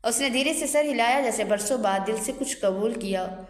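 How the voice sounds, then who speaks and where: A woman narrating a dramatic story in an earnest, emotional way. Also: a little high. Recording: echoey room with long reverb.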